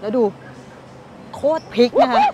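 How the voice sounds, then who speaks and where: In no hurry, a woman in her thirties casually vlogs her way through supermarket aisles and a food tasting in her parked car, speaking directly and excitably to viewers. She records on a phone at arm's length; background music sits under the video, and the surroundings are noisy.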